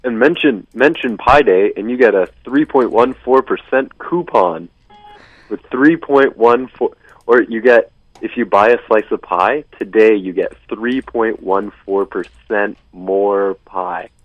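A man's voice: on the low side, a little slow, dry recording. A man calling in to a radio show as co-host, heard through a phone on speakerphone, chatting casually with jokey, rambling asides. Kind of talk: casual on-air banter. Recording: muffled phone line.

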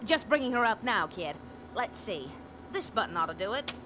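A woman's voice: mid-range voice, very animated, moderate pace, background noise, lightly acted. A woman playing a brash, wisecracking star reporter and pilot with snappy old-time slang in a radio drama. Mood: brisk, wry. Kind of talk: retro sci-fi radio drama acting.

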